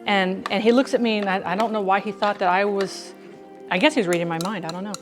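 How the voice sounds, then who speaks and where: A woman at a middling pitch chats casually while baking in a home kitchen. She talks like a rambling storyteller who keeps restarting and repeating phrases, with soft music playing underneath. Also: fairly even intonation, fast talker. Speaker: host of a baking livestream.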